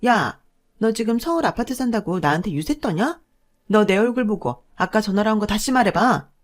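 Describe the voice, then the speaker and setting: A woman's voice: medium pitch, animated, moderate pace, lightly acted. Woman playing a pushy, greedy sister-in-law. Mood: furious. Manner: bossy, scolding, loud in anger.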